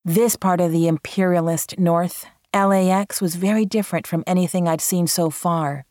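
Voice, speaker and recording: A woman with a lowish voice reads a first-person memoir aloud with a measured, even delivery. She is close to the mic, and the sound is dry and dead, with no room around it. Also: no room sound. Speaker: audiobook narrator.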